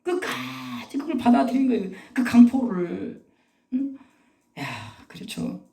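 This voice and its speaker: Pastor preaching, gravelly edge, rambling and folksy with sudden shouts, distant mic in an echoey church. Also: high voice, unhurried. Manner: folksy, repeats himself, chuckles often, bursts into shouts. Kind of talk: sermon. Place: church sanctuary.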